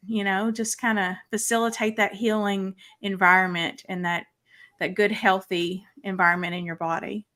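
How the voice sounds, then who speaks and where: A woman on a casual group video chat, explaining in a rambling, halting way with many restarts. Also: medium pitch, fairly bright tone. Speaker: panelist.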